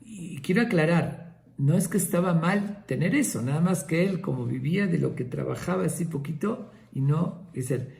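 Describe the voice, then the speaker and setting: A male rabbi teaches a Talmud lesson, telling the story in a conversational way. His voice is dark and gravelly. He often pauses to check in with his listeners. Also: on the high side, lively intonation.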